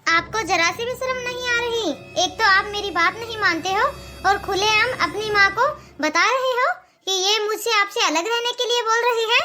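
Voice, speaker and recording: A woman's voice: very high-pitched, normal speed, pushed and bright. A woman voicing a sulky, stubborn young wife in a cartoon, complaining and defiant. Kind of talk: cartoon voice acting.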